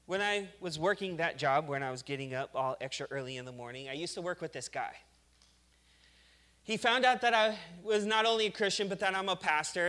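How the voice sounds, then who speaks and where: In a sermon that feels like conversation, a pastor impersonates the complainers and others he mentions, his high voice bright and forceful.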